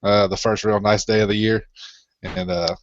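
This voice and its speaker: A man's voice: lowish voice, level tone, moderate pace, background noise. A man co-hosting a casual podcast, rambling and swearing freely. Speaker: podcast co-host. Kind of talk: casual chat. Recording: dull dry lo-fi recording.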